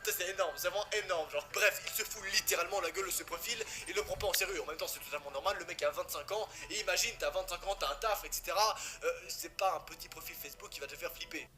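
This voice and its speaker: A man's voice: sits high, fast, hardly any pauses. A man from France telling a horror story casually, cracking jokes and swearing in asides to the viewer. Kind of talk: casual creepypasta narration. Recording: music playing behind.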